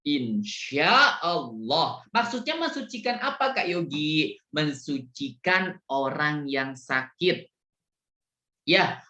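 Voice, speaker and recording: A man teaching a religious story lesson to children, speaking slowly and animatedly and asking them questions. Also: high voice, fairly bright tone. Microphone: video call. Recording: echoey, dull video call audio.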